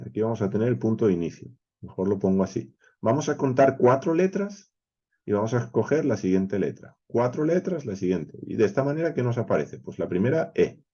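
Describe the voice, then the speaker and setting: A low-voiced man with a Spanish accent leads a Bible lesson step by step, counting letters aloud and checking in with his listeners. His tone is dark and slightly husky, and his pitch moves a lot as he explains. The recording sounds dull and lo-fi. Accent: Spain. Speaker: Bible study teacher.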